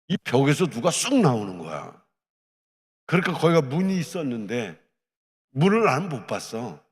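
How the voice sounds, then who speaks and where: A male pastor telling a lively personal story in a sermon, acting out the dialogue as he goes. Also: medium pitch, big-room sound. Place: church hall.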